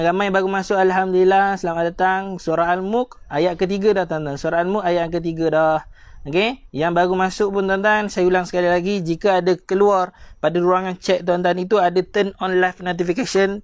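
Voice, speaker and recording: Malaysian male Quran tutor, live class, raised voice, drawn-out letter demos, dry close sound. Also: high-pitched, no room sound. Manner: addresses viewers as "tuan-tuan", drawn-out demonstrations of letter sounds. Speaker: Quran recitation teacher. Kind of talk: live-streamed recitation lesson.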